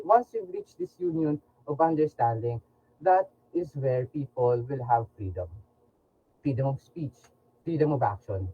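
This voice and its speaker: A man's voice: on the high side, slightly rough. A man giving an impassioned persuasive speech, repeating phrases for emphasis. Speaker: student speech contestant. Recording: tinny online call audio.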